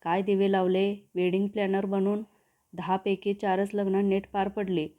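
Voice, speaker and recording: A woman's voice: mid-range voice, level tone, normal speed, close to an everyday voice. A woman voicing a fretful, nagging middle-aged mother in a narrated story, over a tinny, phone-like sound. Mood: grumbling. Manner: nagging, teasing.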